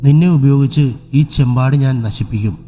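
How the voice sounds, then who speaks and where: A vengeful female spirit , voiced by a male narrator, threatens in a slow, dark, mellow voice. Faint music sits under the storybook horror telling. Every word carries a cold menace. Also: mid-range voice, natural voice. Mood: menacing.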